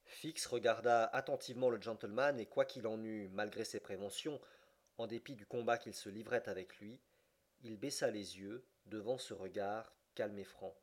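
A man's voice: on the low side, steady tone, normal speed. Man narrating a classic adventure novel. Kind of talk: audiobook reading of a classic novel.

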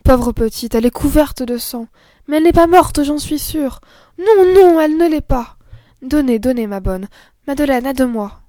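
A woman's voice: sits high, expressive, moderate pace, warm tone, no room sound, studio quality, voice pushed up. A woman voicing a brave and determined young girl who speaks eagerly and earnestly.

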